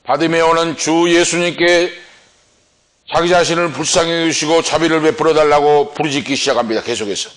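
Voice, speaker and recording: Middle-aged guy pastor preaching, goes loud and high when he acts out the shouting, then drops low. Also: steady tone, a little fast. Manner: dramatic storytelling, acting out cries and quotes with swings in pitch and loudness. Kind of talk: sermon.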